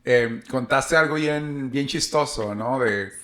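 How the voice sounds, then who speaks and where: A man's voice: medium pitch, slow pace, bright, forceful tone. A man hosting a casual interview podcast, asking long, rambling questions and affirming often. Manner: attentive, frequent affirming ujú, rambling questions. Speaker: podcast host.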